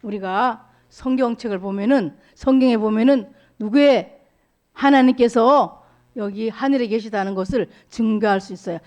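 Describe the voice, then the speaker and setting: A woman deacon tells a story in a children's sermon. She speaks slowly in a sing-song way, often stopping to ask the children questions. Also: on the high side, darkish tone, lo-fi sound.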